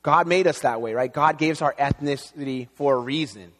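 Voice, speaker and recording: A man's voice: mid-range voice, brisk. Haitian-born male pastor preaching in a hall. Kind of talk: sermon. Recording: long reverb in a hall.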